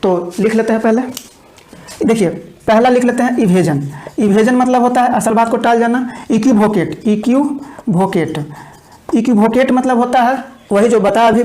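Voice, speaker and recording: A woman teaching English vocabulary in an online exam-prep lesson, explaining each word and then dictating it slowly with repetitions. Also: a little high, mellow, roomy sound.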